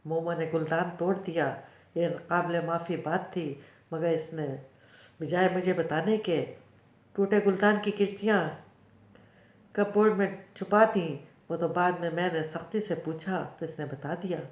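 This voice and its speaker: A strict schoolteacher who speaks bluntly and curtly, as a woman reads her lines in a lowish voice. The recording is roomy and muffled. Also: steady tone, a little slow, natural voice. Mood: stern. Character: strict female schoolteacher, curt and stern.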